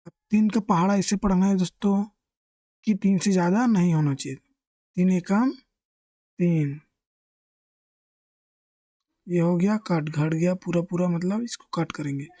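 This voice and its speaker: Maths tutor walking thru division step by step, asks then answers own questions, mellow warm tone. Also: mid-range voice, normal speed, no room sound, studio quality. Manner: keeps addressing listeners as friends. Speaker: maths teacher.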